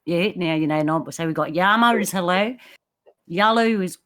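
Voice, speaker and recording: An Australian woman with a fairly low voice hosts a casual interview. She talks informally, with plenty of slang and a jokey manner. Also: normal speed, a bit bright. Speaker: podcast host.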